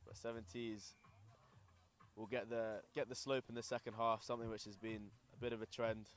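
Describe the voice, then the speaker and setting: A young man with a Scottish accent who grew up in London speaks at normal speed with a fairly low, level voice. A rugby commentator and player, he gives live sports commentary mixed with casual chat.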